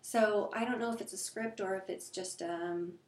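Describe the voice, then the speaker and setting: A woman telling lively anecdotes in a casual interview, laughing often and acting out the voices in her stories. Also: mid-range voice, normal speed, reverberant. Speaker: interview guest. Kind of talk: casual storytelling.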